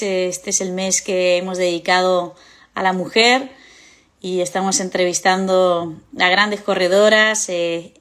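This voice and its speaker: A woman's voice: on the low side, fairly bright tone. Woman hosting an interview. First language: Spanish. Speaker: interview host. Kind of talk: live online interview, casual. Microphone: video call.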